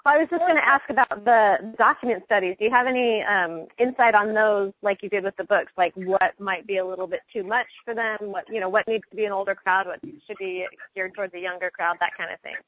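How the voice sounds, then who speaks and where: A woman's voice: medium pitch, quick pace, few pauses, dry recording. A woman participant asking curious follow-up questions in a casual discussion. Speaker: workshop participant. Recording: dull dry lo-fi sound.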